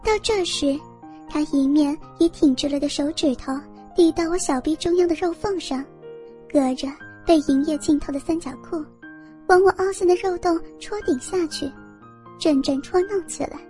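A woman reads a first-person story aloud in a steady, intimate voice. Her pitch sits high, but the tone stays soft and mellow. Faint music plays quietly behind her. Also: normal speed.

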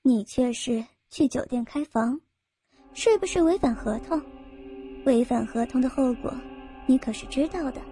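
A woman's voice: high voice, animated, moderate pace, warm tone, faint music behind. A woman voicing a cold, sneering female sales manager of about forty, speaking in a mocking, scolding way.

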